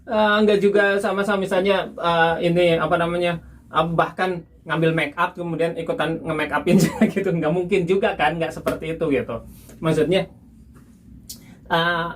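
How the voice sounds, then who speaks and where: A young man calmly explaining to his wife in casual conversation, giving examples and laughing now and then. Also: a little high, moderate pace. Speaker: husband teaching his wife. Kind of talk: casual instructional chat.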